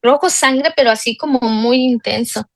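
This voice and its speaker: A woman in her forties shares a personal testimony in a slightly high voice. She talks earnestly and confidingly, often pausing on fillers and tag questions. The recording is dry and close, with no room echo. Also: gravelly. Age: 40s. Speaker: guest sharing a healing testimony.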